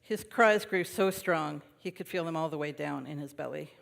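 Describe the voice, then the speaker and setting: A male minister reads a children's story aloud in a gentle, easy storytelling manner. His voice sits a little high and rings through a large worship hall with a long reverb. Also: moderate pace, gravelly. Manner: gentle storytelling with light, laughing asides.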